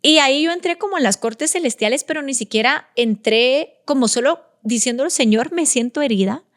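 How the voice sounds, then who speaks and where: Young woman from Guatemala, podcast host, earnest devotional testimony, bright higher voice. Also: a little fast. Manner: earnest, emotional storytelling with acted prayers.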